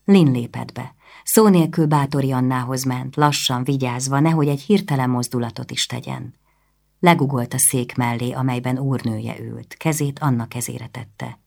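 Woman narrator for an audiobook, deep and husky, measured storytelling. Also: darkish tone. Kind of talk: scripted narration.

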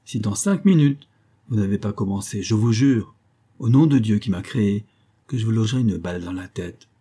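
A man's voice: lowish voice, animated, moderate pace, mellow, slightly rough. A man reading an audiobook, voicing a resolute young student who coldly threatens another man. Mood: stern threatening. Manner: cold, commanding, clipped threats.

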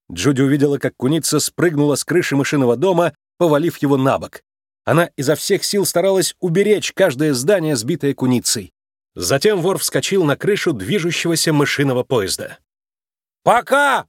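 A man narrating a children's storybook in a lively, expressive reading style. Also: fairly high pitch, no echo, studio quality.

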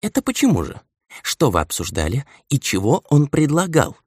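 A man's voice: on the low side, very animated, moderate pace, no echo, studio quality, pitched above the performer's own voice. A man voicing a stern scolding old steward. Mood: impatient. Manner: nagging, lecturing elder.

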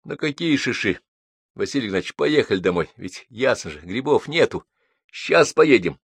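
A man's voice: medium pitch, lively intonation, moderate pace, breathy edge, no room sound, studio quality, voice pushed up. Man doing an exasperated harried writer. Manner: exasperated, protesting.

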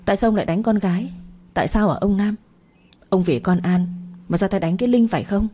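A woman's voice: mid-range voice, a little fast, natural voice. A woman voicing a scheming, cruel middle-aged mother with a conniving way of talking. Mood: shrill anger. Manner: coaxing then sharp, conniving.

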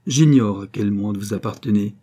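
A haughty aristocratic lady with a biting, imperious tongue, put on by a male reader in a raised voice. She sounds dark and husky, cold and mocking. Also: mid-range voice, moderate pace, natural voice.

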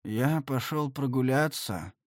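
A man voicing a hoarse young man who mumbles evasively and placatingly, in an audiobook. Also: mid-range voice, measured pace, darkish tone, no room sound, clean studio sound, close to an everyday voice. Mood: mumbling.

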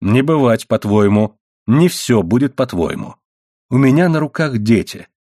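A man reading the part of a furious, worn-down miner's wife with sharp, indignant retorts. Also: mid-range voice, big pitch swings, moderate pace, no room sound, studio quality. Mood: bitter.

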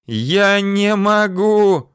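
A man doing a shrill desperate little girl. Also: animated, very slow, a bit bright, clear, resonant tone, dry recording, clean studio sound, full character voice. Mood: wailing. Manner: shrill crying out.

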